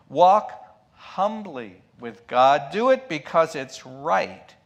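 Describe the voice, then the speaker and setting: A middle-aged or older man, serving as a lay preacher, delivers a sermon from a church pulpit in a slightly high, somewhat bright voice. He is reflective and emphatic, asking questions and slipping in asides. Background hum and noise are clearly audible.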